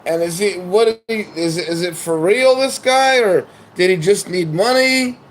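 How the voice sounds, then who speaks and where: A man's voice: high voice, normal speed. A man talking casually on a livestream, playful and teasing, chatting to viewers in a rambling way. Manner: playful, teasing and sing-song. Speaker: livestream host. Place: apartment by an open window. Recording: echoey room, mic far off, loud street traffic.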